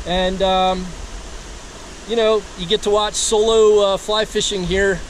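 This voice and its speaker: Man, 40s, high voice, relaxed, rambling with fillers, outdoor stream vlog, arm's-length camera. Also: a little slow, a little hiss or hum, rough recording. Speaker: fly fishing vlogger. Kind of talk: casual talk to camera. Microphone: camera held at arm's length.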